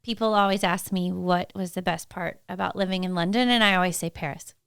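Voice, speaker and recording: A woman's voice: fairly low pitch, steady tone, brisk, creaky, fairly bright tone, clear, resonant tone, dry recording, studio quality. A woman hosting an interview podcast, upbeat and enthusiastic in casual chat. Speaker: podcast host.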